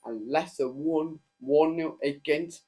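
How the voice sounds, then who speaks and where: A man's voice: a little high, measured pace, dark tone. A man co-hosting a casual chat, giving short, eager replies. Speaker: co-host.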